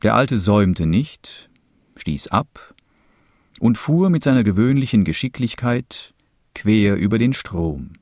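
A man narrating a fairy tale in a slow, measured, expressive reading. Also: lowish voice, no room sound, studio quality. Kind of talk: storybook narration.

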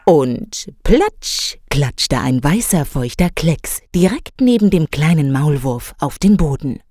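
Low-voiced woman reading a children's story. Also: dry recording, studio quality. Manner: measured, expressive storytelling.

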